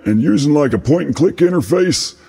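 A man's voice: on the high side, animated, a little fast, vocal fry, warm tone, husky, faint music behind, pitched above the performer's own voice, exaggerated voice. A man playing an earnest, mild Excel defender who objects insistently in a comic explainer skit. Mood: earnest objecting.

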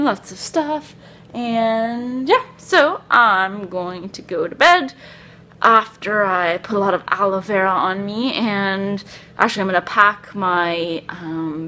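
With a mid-range, sharp-toned voice, this young Canadian travel vlogger chats casually on holiday, rambling in an upbeat way with many "um"s and "like"s. She records in a hotel room on a phone camera held at arm's length, with slight background noise.

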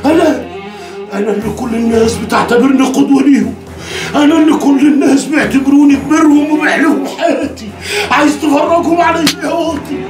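A furious Egyptian father who hurls curses at full volume, his voice strained high. He sounds distant and roomy, with a film score underneath. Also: fast talker. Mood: enraged. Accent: Egyptian Arabic. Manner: shouting, cursing. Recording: roomy, distant, music behind.

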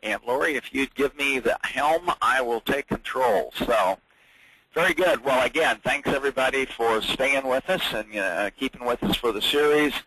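A man training users in a software webinar, chatty and halting, with many fillers and restarts. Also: mid-range voice, slight background noise, low-quality recording. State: hiccups.

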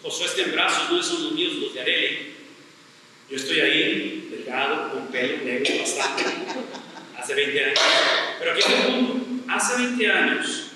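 In a church sanctuary, a middle-aged pastor with a highish, animated voice preaches at normal speed, repeating phrases for emphasis and asking rhetorical questions. The hall is very echoey, his voice sounds far off, and there is faint noise.

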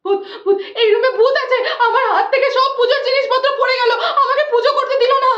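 A woman's voice: very high-pitched, quick pace. A woman playing a superstitious, jumpy young woman who frets about ghosts and pleads anxiously, in a roomy, dull home recording. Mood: scared.

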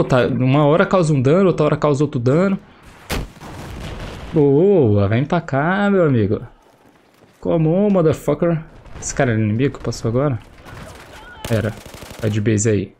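Faint game gunfire and explosions play behind a young man with a Brazilian Portuguese accent who streams and comments on his own play via headset. Chatty, slangy and quick to exclaim, he has a medium-pitched, slightly mellow voice still a bit affected by a cold, plus a little hiss or hum.

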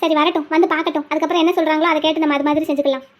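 A woman playing a gentle young wife who speaks softly and comfortingly in a homemade drama. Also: high-pitched, level tone, racing, natural voice. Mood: soothing. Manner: soft, comforting.

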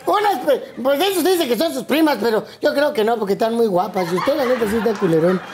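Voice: medium pitch, lively intonation, fast, darkish tone, natural voice. A performer voicing a short, chubby, crude man who rambles and laughs through his own story to his doctor in a comedy sketch. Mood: boastful.

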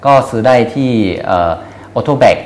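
A man in his thirties answering interview questions as a company guest, hesitant, often pausing and repeating words. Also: medium pitch, animated, a little mellow, reverberant, a little hiss or hum. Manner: hesitant, frequent filler pauses and repeated words. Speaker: company executive being interviewed. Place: small indoor showroom office. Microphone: lapel mic.

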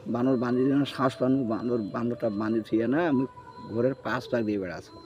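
A man with a darkish, steady, mid-range voice, talking a little fast, shares a personal story in casual chat in a rural northern Bengali dialect. He voices the dialogue and keeps checking that his listener follows; the field recording is muffled and noisy.

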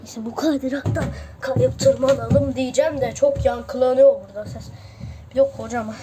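A woman's voice: sits high, steady tone, normal speed. A woman chatting to her viewers as a host, her voice echoing as if inside a cave. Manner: talks to viewers while playing. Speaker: video host. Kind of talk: chatty running commentary to viewers. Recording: loud background noise.

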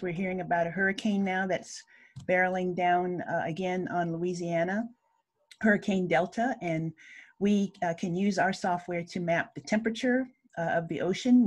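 An older woman on a video call panel, talking from a room at home. She explains at length, pausing often on filler sounds, in a fairly low voice. Her speech is halting but steady. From Hawaii. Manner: hesitant, many filler sounds.

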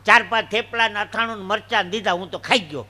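Bright-voiced comedian from Saurashtra. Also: male voice, high voice, fast. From Gujarat, India. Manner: animated joke telling with acted dialogue voices. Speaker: stand-up comedian. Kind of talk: live folk comedy storytelling.

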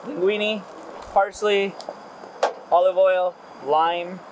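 A man's voice: high voice, steady tone, extremely slow. A man on a camping trip chatting casually and joking outdoors, recorded on a camera mic. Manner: playful, joking. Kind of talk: casual chat. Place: outdoors at a lakeside campsite. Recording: noisy outdoor camera audio. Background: outdoor ambience, dog.

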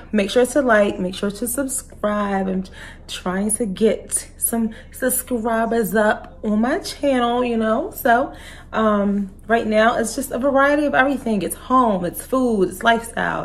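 A woman's voice: medium pitch, low-quality recording. A woman in her thirties chatting casually on her home cooking vlog, with many fillers. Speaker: vlogger. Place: home living room, indoors.

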